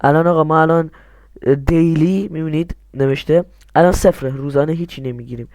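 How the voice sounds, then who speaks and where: In a screen-recorded strategy game tutorial, a young male host explains each step and fields his own questions as he goes. His voice is on the high side, steady and somewhat dark, with clean studio sound and no room noise.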